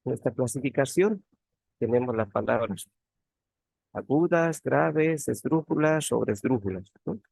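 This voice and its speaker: A man's voice: mid-range voice, animated, a little slow, vocal fry, a little mellow, husky, dry recording. A man teaching an online grammar class as a teaching assistant, repeating key words and asking tag questions. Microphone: computer mic on a video call.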